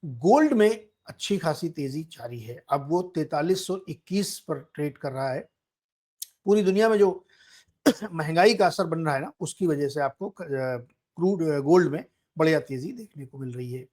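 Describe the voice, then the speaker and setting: A man with a somewhat high voice hosts a stock market show. He gives a daily wrap-up in an easy, conversational way and keeps pointing the viewer to charts and heat maps as he explains. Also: animated, moderate pace, a little mellow.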